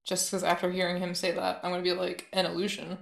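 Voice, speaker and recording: A woman playing a tabletop game, asking halting questions with fillers, in roomy audio. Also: on the low side, monotone, vocal fry. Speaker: player. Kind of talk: tabletop game role-play.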